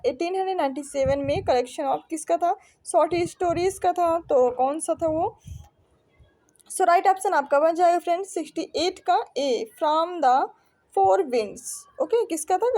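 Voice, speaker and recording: A young Indian woman with a very high yet mellow voice teaches an exam-prep English lesson. She reads each question slowly, then keeps asking and answering her own questions. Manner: reads questions slowly, then explains in Hindi with repeated quiz-like questions.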